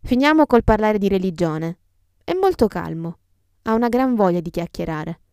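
A woman's voice: mid-range voice, expressive, normal speed, mellow, smooth, dry recording, studio quality. A woman podcast host reading scripted travel narration in a reflective, descriptive storytelling way. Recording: music behind the voice. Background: guitar music.

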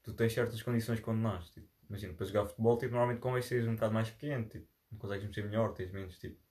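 A man's voice: fairly low pitch, steady tone, racing, a little mellow. A young man chatting casually with friends in slang, insistent and often repeating himself. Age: young adult. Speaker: participant in a group chat.

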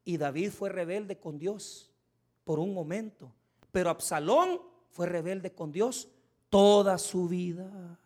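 Impassioned high-voiced male pastor. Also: slow. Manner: impassioned preaching, swings from soft to shouted. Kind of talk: sermon.

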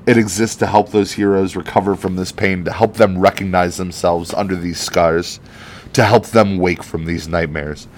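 A man reading out the earnest, measured public speech of a heroic male alien superhero. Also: deep voice, fairly even intonation, a little hiss or hum, lightly acted. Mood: solemn. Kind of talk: reading a comic speech aloud.

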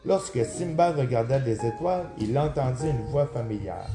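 A man narrating a storybook aloud in an expressive, lively reading. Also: medium pitch, moderate pace. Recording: roomy, clear background music.

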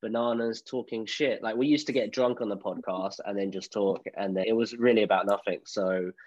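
A man's voice: on the low side, fairly quick, darkish tone. A young man hosting a podcast, chatting casually with lots of fillers. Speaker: podcast host. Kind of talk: casual interview chat. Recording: slightly dull lo-fi audio.

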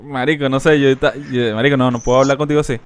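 A young man with a Venezuelan accent, co-hosting a podcast in casual, animated chat among friends. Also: mid-range voice, quick pace. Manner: animated storyteller, imitates friends. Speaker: podcast co-host.

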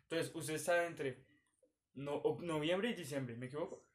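A young man with a Colombian accent in casual chat among friends, loud, full of crude slang and laughing often. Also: fairly high pitch, moderate pace. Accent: Colombian Spanish. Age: young adult.

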